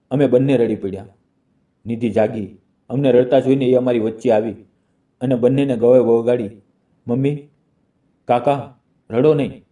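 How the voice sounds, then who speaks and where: A male storyteller narrates an emotional family tale in short, measured phrases. His tone is deep, dark and mellow. He sounds a little set back from the microphone. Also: far from the mic.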